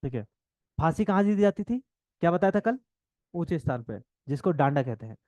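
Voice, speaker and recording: A man teaching a coaching class, dictating notes and repeating phrases, talking fast and joking with students now and then. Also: fairly high pitch, big pitch swings, darkish tone, no echo. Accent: north Indian Hindi. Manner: jokes with students, laughs often.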